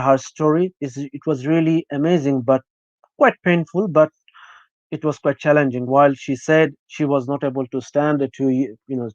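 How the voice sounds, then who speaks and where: A man from Bangladesh, hosting an interview in a halting way, with many fillers and restarts. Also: medium pitch, a little mellow, no echo. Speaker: host. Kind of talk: casual interview chat. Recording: dry, slightly muffled audio.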